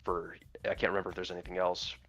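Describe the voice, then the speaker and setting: A man talking through plans as a player in a tabletop role-playing game, in a halting, deliberate way. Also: low voice, little pitch movement, a bit bright. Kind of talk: in-character discussion at a tabletop game. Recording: dull sound with music behind.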